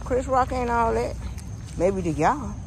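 A man's voice: extremely high pitch, expressive, unhurried. A middle-aged American man giving a casual, emphatic, repetitive monologue while walking outdoors, recorded on a phone at arm's length. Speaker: vlogger. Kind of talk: casual walk-and-talk monologue. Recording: outdoor phone recording with faint ambient noise. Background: faint outdoor ambience.

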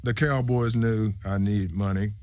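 An older man, a former football player, telling his stories in an interview with an emphatic manner, acting out the quotes he recalls. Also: a little slow. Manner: lively, emphatic, acts out quotes with big pitch swings. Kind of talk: animated storytelling interview.

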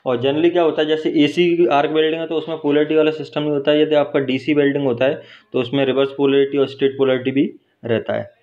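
Speaking fast in a level, slightly high and a little mellow voice, a patient male workshop instructor takes viewers through welding step by step, asking "है ना" and "ठीक है" along the way. The audio, from a phone held while filming, is dull.

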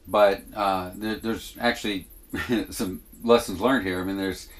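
Low-voiced man chatting inside a small trailer. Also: steady tone, unhurried. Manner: hesitant, rambling explanations. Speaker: vlog host giving RV upkeep tips. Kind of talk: casual unscripted how-to talk. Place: small RV interior.

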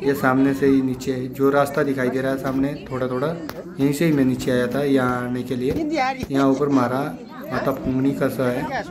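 This man from the northern Indian hills of Himachal Pradesh runs a village vlog, addressing his audience as friends in a repetitive show-and-tell style. He speaks at medium pitch and moderate pace with little variation, while a crowd can be heard behind him.

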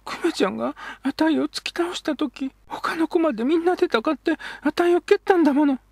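A man's voice: very high-pitched, brisk, gravelly, no echo, voice pushed up. A man voicing a small, hurt and sulky boy who pleads in a childish way in Edo-era speech. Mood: aggrieved.

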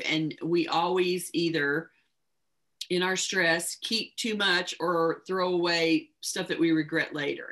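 A woman's voice: fairly low pitch, fairly bright tone. A woman hosting a casual webcast about organizing, chatty and reassuring, laughing easily. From United States. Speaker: host, professional organizer.

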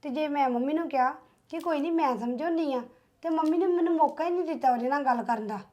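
A woman's voice: sits high, quick pace, mellow, lo-fi sound, lightly acted. An actress playing a young wife with a Punjabi accent, defending herself and voicing her suspicions to her husband. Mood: defensive.

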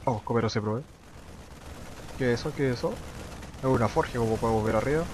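A young man, excitedly commentating a strategy game and dropping English gamer slang and curses. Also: mid-range voice, quick pace, noisy background. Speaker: gameplay commentator.

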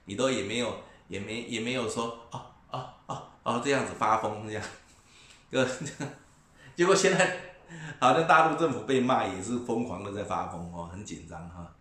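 Speaking to camera in an echoey room, a middle-aged man delivers a scornful, mocking rant for his vlog, chuckling and going over the same points again. His voice is on the low side, a bit bright, at normal speed.

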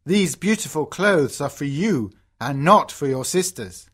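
A man's voice: fairly high pitch, expressive, a little slow, fairly bright tone, slightly rough, full character voice. A man playing a loving old father. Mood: fatherly.

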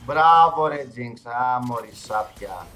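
A man streaming a game live, commenting casually as he plays and swinging from loud outbursts to low mutters. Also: lively intonation, a little hiss or hum.

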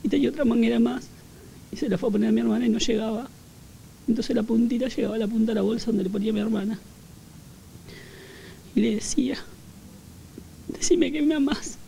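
A woman with a Rioplatense Argentine accent recounts events in an interview, her voice gravelly and dark. She speaks haltingly and fills pauses with fillers. Faint noise sits behind her. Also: a little high, steady tone, low-quality recording. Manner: halting, filler-heavy retelling. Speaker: victim's relative giving testimony.

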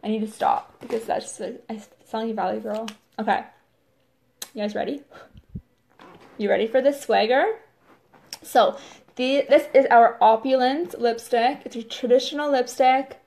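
A woman's voice: fairly high pitch, fairly even intonation, moderate pace, vocal fry, pauses often, a little mellow. A woman hosting a casual live makeup demo, chatty and filling her talk with "like" and "totally". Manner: chatty, says "totally" and "like" often.

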